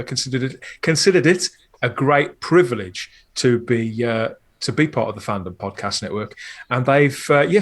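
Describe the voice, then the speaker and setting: A man with a mid-pitched voice appears as a guest in an interview, speaking as a podcast host and producer. He's chatty and enthusiastic, explaining things at length in a conversational style.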